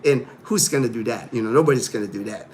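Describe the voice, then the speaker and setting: A man's voice: medium pitch, fast talker, darkish tone, slight background noise. A man in his fifties, born in the Philippines, hosting a casual livestream and chatting loosely with viewers, full of fillers and asides. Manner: rambling, reads out viewer comments, many fillers. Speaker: livestream host.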